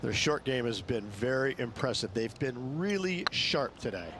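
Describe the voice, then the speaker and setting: A man's voice: mid-range voice, big pitch swings, moderate pace, heavy background noise, close to an everyday voice. A man playing a golf commentator in a video game, explaining in a conversational analyst's manner. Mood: explanatory.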